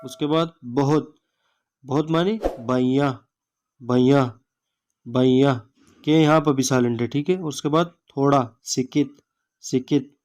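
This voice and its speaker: A man with a Pakistani accent teaching vocabulary, saying each word slowly, repeating it several times and checking in with "okay" after it. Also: fairly high pitch, fairly even intonation, a little mellow. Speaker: language teacher. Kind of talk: slow vocabulary lesson.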